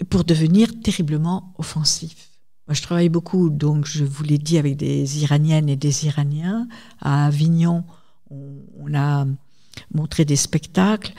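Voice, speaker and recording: A woman's voice: deep voice, dark tone. A woman researcher speaking as a guest at a conference, talking emphatically and turning often to the audience. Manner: emphatic, digressive, addresses audience directly. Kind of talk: conference talk.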